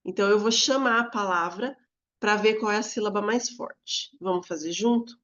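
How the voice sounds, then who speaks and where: A woman with a Brazilian Portuguese accent teaching a recorded video lesson, speaking calmly and calling out words in a drawn-out sing-song to show stress. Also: medium pitch, lo-fi sound.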